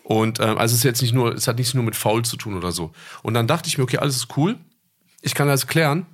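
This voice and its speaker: Quick-paced and mid-range in pitch, this podcast co-host, a man in his thirties, spins a lengthy story in relaxed slang, performing the phone calls as part of the casual conversation.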